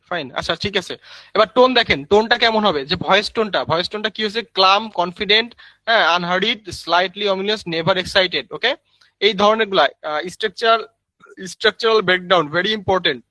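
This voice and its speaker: A man's voice: sits high, fairly quick, pushed and bright, no room sound, low-quality recording. A man teaching a live screen-share tutorial, chatty, calling viewers brother and using many fillers. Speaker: online course instructor.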